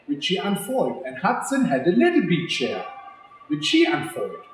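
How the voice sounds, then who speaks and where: An executive chef reads a children's story aloud for a charity, speaking directly and expressively to young listeners. His voice is a little high with huge pitch swings, at a normal speed. The room is very echoey, with faint background noise.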